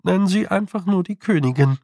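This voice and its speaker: A man's voice: high-pitched, normal speed, gravelly, warm tone, no echo, pitched above the performer's own voice. A man voicing a dry, knowing talking toad who gives wry, muttered advice.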